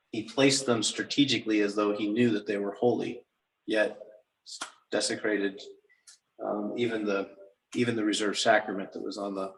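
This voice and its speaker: A man giving an informal guided tour inside a cathedral, explaining things reverently and haltingly, often pausing mid-sentence. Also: medium pitch, fairly bright tone, slight background noise, poor audio.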